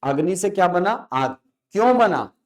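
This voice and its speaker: A man teaching a classroom lecture. He asks questions, answers them himself, and repeats key words slowly to stress them. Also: high-pitched, lively intonation.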